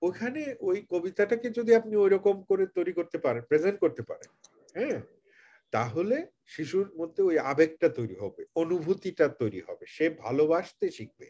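A man's voice: high voice, expressive, normal speed, mellow, dull audio. A man leading an online teacher training session, explaining earnestly on a video call and asking rhetorical questions.

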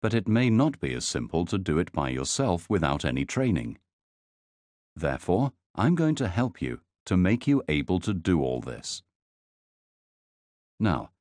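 A man reading a guided sleep hypnosis in a slow, soothing, measured way. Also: deep voice, a little mellow, dry recording, clean studio sound.

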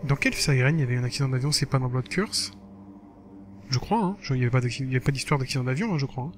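A man's voice: medium pitch, expressive, rapid-fire, a little hiss or hum. A man giving casual commentary for a gaming video, rambling and correcting himself as he talks, with an occasional swear. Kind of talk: casual commentary while reading a blog aloud.

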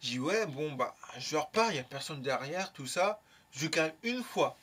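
Bright-voiced young man telling a story. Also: on the high side, moderate pace, slightly rough. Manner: lively, slangy, swears freely. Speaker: YouTuber. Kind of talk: casual storytelling.

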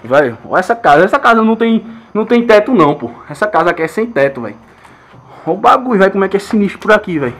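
A young man, out of breath, excitedly narrating a night exploration of a ruined house to his viewers, swearing and calling out as he goes. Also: sits high, rapid-fire. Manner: excited, tense, swears a lot, calls out to viewers. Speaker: paranormal vlogger. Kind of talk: handheld night exploration vlog. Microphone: handheld camera mic.

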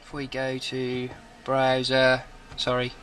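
A slow, monotone man at medium pitch, his tone fairly bright, gives an improvised, matter-of-fact product walkthrough. He's a car audio installer demonstrating in and around a parked car, and the audio carries a little hiss or hum.

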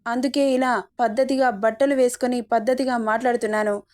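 A woman gives voice to a defiant young student heroine in a romance story, scolding and indignant. The voice sits fairly high. She stands her ground and lectures. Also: fairly even intonation, a little fast, darkish tone, lightly acted.

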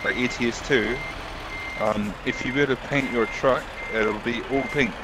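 A man's voice: mid-range voice, steady tone, moderate pace. Thirty-year-old man explaining over noisy chat. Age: 30s. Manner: patient, explains things step by step. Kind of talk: casual voice chat while gaming.

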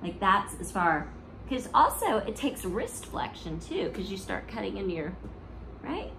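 A woman talks casually while doing push ups in a workout session. Her pitch is medium. The recording has clear background noise and comes from a camera mic a little way off. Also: very animated, a little slow. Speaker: workout partner in a push-up challenge. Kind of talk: casual chat during exercise. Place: living room at night, on exercise mat. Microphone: camera on floor, a few feet away. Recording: noisy room, distant camera mic.

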